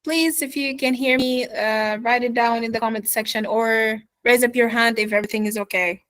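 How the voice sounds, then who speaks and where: A woman teaching pronunciation in a live online lesson. She keeps checking in with "yeah?" and "okay?" and repeats model words slowly for students to echo. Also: a little high, fairly even intonation, fairly bright tone. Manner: checks in with "yeah?" and "okay?" after nearly every phrase. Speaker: accent coach.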